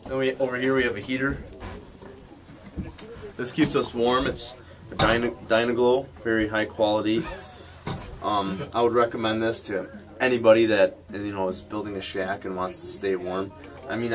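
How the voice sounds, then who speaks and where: A young American man shows off his small wooden ice fishing shack as a guest, explaining things casually and with dry, tongue-in-cheek humor, like a tour guide. His voice is lowish and steady at a moderate pace, with guitar music playing behind him.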